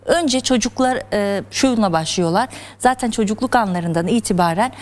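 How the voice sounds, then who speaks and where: A woman's voice: medium pitch, moderate pace. A woman explaining psychology terms step by step as a guest on a television talk show. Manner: earnest, lecturing, explains step by step. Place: television studio.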